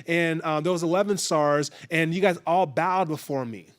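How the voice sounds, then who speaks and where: Man playing a spoiled, tactless teen boy, eager and slangy, a bit high. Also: moderate pace, close to an everyday voice. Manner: casual, slangy, excited. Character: brash, tactless teenage boy boasting of his dreams.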